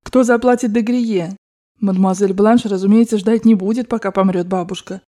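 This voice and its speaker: A woman narrating a classic novel as an audiobook in a steady, measured reading. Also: medium pitch.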